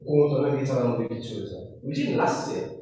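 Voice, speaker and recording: A man's voice: mid-range voice, fast talker, warm tone. A male pastor preaching a sermon, repeating phrases and slipping in English lines. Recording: echoey hall, distant mic, faint noise.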